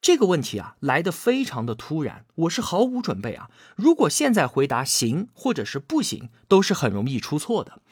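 A man's voice: fairly high pitch, wildly swooping pitch, slightly rough, dry recording, studio quality. A man narrating a scripted book explanation, often drawing out filler particles and acting out quoted lines. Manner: frequent drawn-out filler particles.

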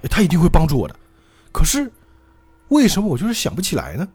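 A man doing a panicky shrunken kid, shrill. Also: huge pitch swings, fast talker, slightly rough, full character voice. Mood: pleading. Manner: shrill, bewildered shouting.

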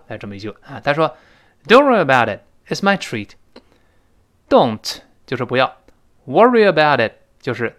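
A man's voice: fairly high pitch, a bit bright. A middle-aged man teaching an English lesson, explaining pronunciation and repeating drills.

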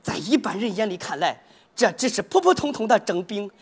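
A man's voice: sits high, very animated, brisk, breathy edge, exaggerated voice. A man playing an eager, boastful young army cook, speaking in a with folksy, exaggerated exclamations in a stage comedy sketch. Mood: flattering. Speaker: cook soldier.

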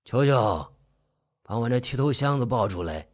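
Gruff old uncle, voiced by a man: hoarse, very deep, slow and scolding. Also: expressive, lightly acted. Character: old village uncle, gruff, stern barber.

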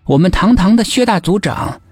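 A male storyteller voicing a teasing, sharp-tongued young policewoman in an audiobook mystery. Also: medium pitch, lively intonation, normal speed, husky, no room sound, faint music behind. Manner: teasing, sarcastic.

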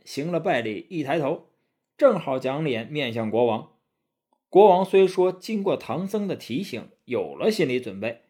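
A man narrates a classic tale as a children's storybook. His voice is husky and animated, rising and falling expressively. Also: on the high side.

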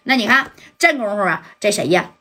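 Husky woman telling a gangster tale. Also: mid-range voice, a little fast. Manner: lively, chatty, asides to listener. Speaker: storyteller. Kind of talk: colloquial oral storytelling.

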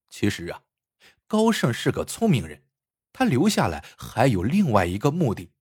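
A man narrating a story in an expressive storytelling style. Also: mid-range voice, slightly rough.

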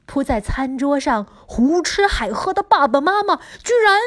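A woman teacher telling a story to children, expressive and dropping into dramatic whispers. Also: sits high, moderate pace.

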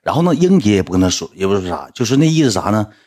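A man with a Northeastern Chinese accent telling a rambling anecdote in a casual, animated way, breaking into mocking high-pitched rants. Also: rapid-fire. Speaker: storyteller.

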